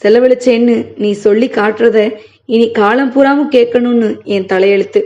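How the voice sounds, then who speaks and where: A woman's voice: on the high side, fairly even intonation, normal speed, darkish tone, natural voice. A woman reading as a grieving, reproachful wife. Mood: lamenting, reproachful. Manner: reproachful, lamenting. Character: sick, grieving village wife in middle age. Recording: muffled lo-fi recording.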